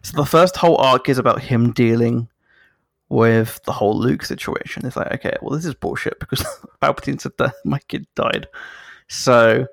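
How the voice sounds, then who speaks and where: A man chatting casually as a podcast host, animated, swearing freely and laughing through his sentences. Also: mid-range voice, moderate pace, gravelly, no room sound, studio quality. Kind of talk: casual chat.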